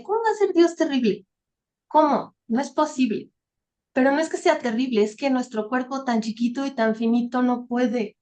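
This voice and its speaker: A woman tells her testimony in an earnest, emotional way. Her voice sits a little high, and she often ends a thought with a questioning "¿no?". She speaks over a video call. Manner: earnest, emotional storytelling with frequent "¿no?"; shy and soft-spoken, by her own account. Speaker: guest speaker. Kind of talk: personal testimony.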